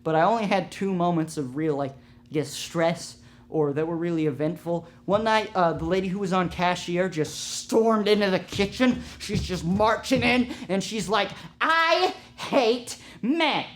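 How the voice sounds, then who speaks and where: Young male storytime host, comedic and animated, self-deprecating, stumbles and restarts. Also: sits high, moderate pace.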